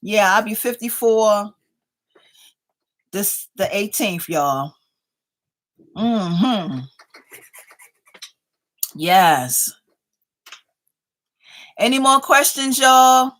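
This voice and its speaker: A woman in her fifties hosts a laid-back livestream, playfully chatting with viewers, reading their comments out loud, and calling them "y'all" again and again. Her medium-pitched voice is animated and fairly bright, with drawn-out words and long pauses.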